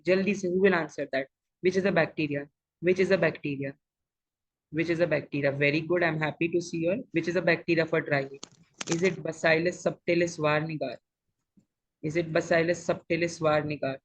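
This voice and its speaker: A mid-pitched exam coach of unclear sex with an Indian accent, teaching interactively online, mixing English with Hindi, repeating phrases and often checking that students follow. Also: steady tone, quick pace, breathy edge, poor audio. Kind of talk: interactive lecture, quizzing students. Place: live online class over video call.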